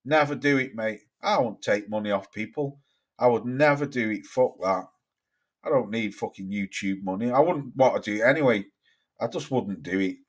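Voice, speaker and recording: A man's voice: on the low side, moderate pace. A man hosts a casual live boxing chat. He reads viewers' comments aloud and answers them in a loose, rambling way. He swears freely as he talks. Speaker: boxing livestream host.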